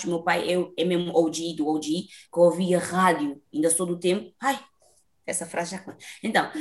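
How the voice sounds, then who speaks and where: This young Lisbon woman is a dancer, and she speaks with a Lisbon Portuguese accent at a medium pitch. As an interview guest she is lively and chatty, laughing often while she tells her story.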